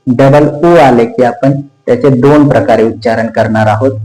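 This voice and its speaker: A man's voice: mid-range voice, fairly even intonation, dark tone. A man with a Marathi accent teaching English pronunciation, repeating each word and asking the learners questions. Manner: slow, repeats words and asks questions to learners. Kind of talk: bilingual pronunciation lesson. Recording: echoey room with faint music.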